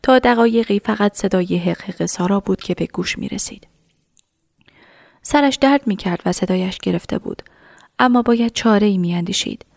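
A woman narrating a story in a soft, half-whispered reading voice. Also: medium pitch, creaky, no echo, studio quality.

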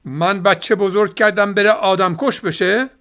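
A woman's voice: medium pitch, steady tone, fairly bright tone, natural voice. A woman doing a stern scolding father. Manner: harsh, scolding. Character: stern angry middle-aged father.

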